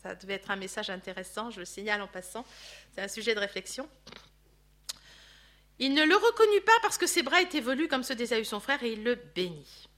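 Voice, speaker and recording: A woman with a bright, clear voice that sits a little high leads a Bible study. She tells the story with lively energy and drops chatty asides to her listeners as she goes. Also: brisk. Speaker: Bible teacher.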